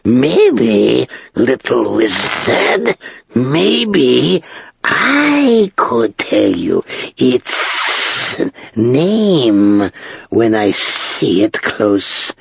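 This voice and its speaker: Guy doing a slow taunting old dragon, gravelly, swings way up and down. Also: mid-range voice, wildly swooping pitch, no echo, highs cut off, full character voice. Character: ancient huge male dragon, sly, mocking.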